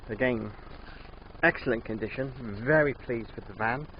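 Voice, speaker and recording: An older man with a thick, sore, swollen-sounding throat, narrating a casual DIY vlog in a hesitant, unhurried way. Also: medium pitch. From England. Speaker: DIY van converter presenting. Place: in and around a van. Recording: dull muffled sound, background vehicle noise.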